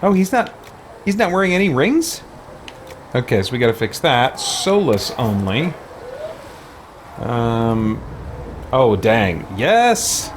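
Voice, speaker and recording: Very animated yet slow and often pausing, this man's medium-pitched voice carries casual game commentary as he thinks aloud, mutters to himself and lets out mild exclamations. He's a gaming video host, recorded with clear background noise.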